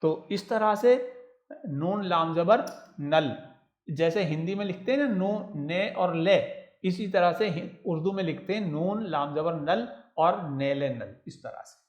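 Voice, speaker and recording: A man's voice: high-pitched, moderate pace, darkish tone. A man teaching a children's writing lesson, patiently spelling out letters one by one and repeating each step. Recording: roomy echo.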